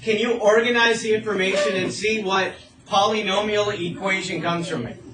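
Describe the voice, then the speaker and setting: A man with a high, steady voice teaches a math class informally at a moderate pace, working through a problem aloud and often checking in with students through short questions. The classroom recording is noisy.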